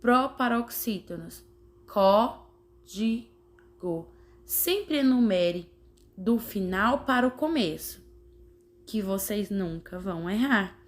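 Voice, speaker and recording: A woman teacher, explaining a grammar lesson slowly and carefully, sounding out syllables. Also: medium pitch, lively intonation. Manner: slow, carefully spelling out syllables. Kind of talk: slow classroom explanation.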